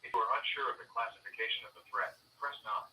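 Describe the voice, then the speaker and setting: A man's recorded voice on an automated phone menu, heard through a phone line, announcing calmly and formally. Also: lowish voice, fast talker. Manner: calm, even, formal announcing. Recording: distant phone line with faint hiss.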